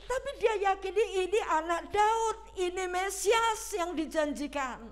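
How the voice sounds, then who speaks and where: A woman's voice: very high-pitched, lively intonation, measured pace. A woman preaching a Sunday sermon, retelling a story dramatically and putting questions to the congregation.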